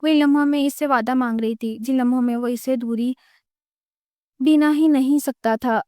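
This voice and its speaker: A woman narrating a romance novel aloud in a steady, even storytelling manner, close to the mic. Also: high voice, clear, resonant tone, no room sound. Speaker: audiobook narrator.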